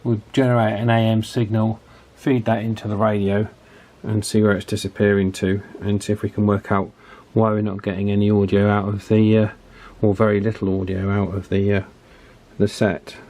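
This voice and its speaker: In a home workshop, a radio repair hobbyist speaks into a camera mic as he works at the bench, casually thinking out loud and stopping and restarting his sentences. The voice is somewhat low and dark, level, at a moderate pace.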